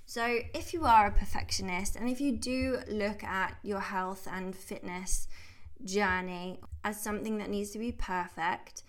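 Hosting her podcast in a loose monologue, a British health coach in her thirties comes across upbeat and talkative, laughing easily. Her voice is mid-range and her pace a little slow.

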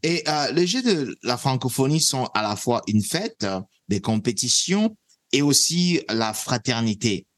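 Guy co-hosting, asks straight questions, average pitch, dry sound. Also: very animated, unhurried, no echo. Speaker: co-host. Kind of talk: interview.

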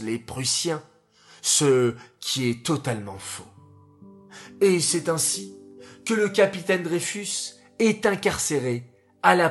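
A man tells a scripted history story to children with dramatic pacing. He speaks very slowly in a slightly high voice. Faint music plays underneath. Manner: slow, dramatic, addresses children directly.

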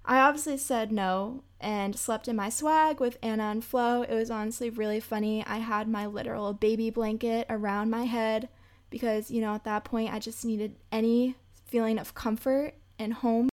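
Young woman, podcast host, casual storytelling, chatty and emphatic, higher voice. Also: fairly even intonation, normal speed.

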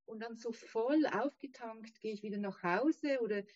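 A woman who is not a native German speaker, talking reflectively about herself in an interview, haltingly searching for words. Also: fairly high pitch, a little mellow. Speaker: interview guest. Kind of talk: reflective personal conversation. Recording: dull, roomy sound.

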